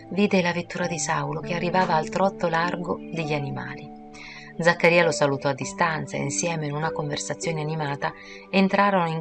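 A woman reads an audiobook chapter in a calm, measured narration. Her voice sits low for a woman. Clear music plays under her reading. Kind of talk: scripted narration.

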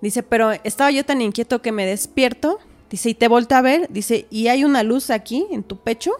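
A woman's voice: fairly high pitch, moderate pace, soft background music. A woman, a podcast guest telling a personal story in casual talk, acting out what others said. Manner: animated, acts out quoted dialogue.

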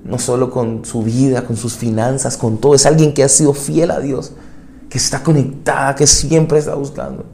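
Fervent gravelly-voiced male pastor preaching. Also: mid-range voice, flat delivery, normal speed. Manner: fervent preaching, swinging between hushed pleas and loud climaxes; asks the listener direct questions. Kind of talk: sermon.

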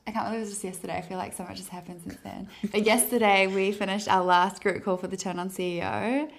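A woman's voice: medium pitch, level tone, fast. A woman co-hosting a podcast, chatting casually in an effusive, slangy, girlfriend-to-girlfriend way. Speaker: podcast co-host.

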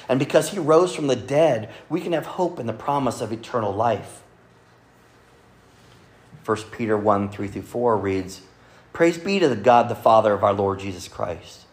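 A man preaching a Sunday sermon to a congregation, earnestly quoting scripture and often dropping to a soft, quiet delivery. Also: medium pitch. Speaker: pastor. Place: church service with congregation.

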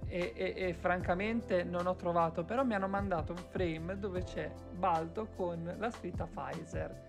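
A woman's voice: lowish voice, steady tone, unhurried, creaky. A young adult woman, chatting casually on a live stream in an emphatic, rambling way, repeating words for stress. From Carrara, Italy. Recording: background music behind voice. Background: music.

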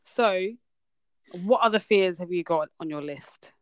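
A woman's voice: on the low side, measured pace, clean tone, dry recording. Young woman hosting, dry sound. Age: young adult. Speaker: podcast host. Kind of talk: casual podcast chat.

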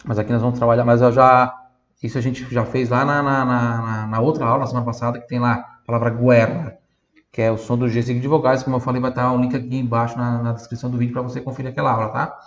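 A man with a Brazilian Portuguese accent teaching an online Italian lesson, repeating words slowly and spelling them letter by letter. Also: mid-range voice, little pitch movement, roomy sound, lo-fi sound. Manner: slow syllable-by-syllable drilling, spelling words letter by letter.

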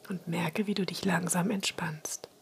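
A woman leads a guided relaxation in a soft spa whisper. Her voice is very breathy and husky, with some creak at the edges. She gives each instruction slowly and soothingly, leaving room to breathe. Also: fairly low pitch, fairly even intonation.

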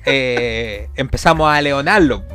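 A man's voice: medium pitch, a little slow, sharp tone, faint music behind. A young Chilean man telling rambling stories full of slang in a casual chat.

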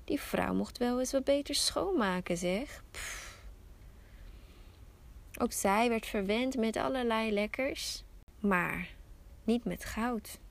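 Soft-spoken woman telling a fairy tale. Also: fairly high pitch, vocal fry. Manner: slow, soft storytelling, often near a whisper. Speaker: podcast host and storyteller.

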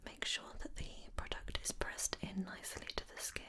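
An ASMR host role-plays a make-up artist, speaking at a moderate pace. Her whisper is soft, breathy and layered, and her manner is gentle and attentive.

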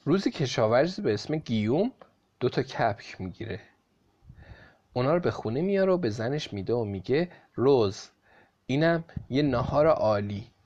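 A man reads a folk tale aloud in a calm, steady way. His voice sits at a middling pitch. The recording has a slightly dull, lo-fi quality. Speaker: narrator. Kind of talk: storybook narration.

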